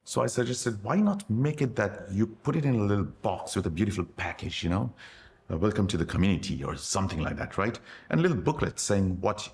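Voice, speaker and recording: A man's voice: sing-song, fairly quick, darkish tone. A man from Nepal, an orthopedic doctor, chatting in an interview, chatty and often checking "right?". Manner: chatty, uses "right?" and "boom". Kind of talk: casual interview talk.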